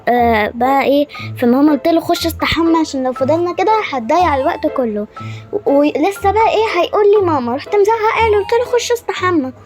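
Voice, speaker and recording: Woman voicing a naggy egyptian mom fussing at her kids, homemade family role-play, high voice. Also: darkish tone, lightly acted. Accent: Egyptian Arabic. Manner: nagging, bossy and fussing. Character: busy scolding mother of three kids. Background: background music.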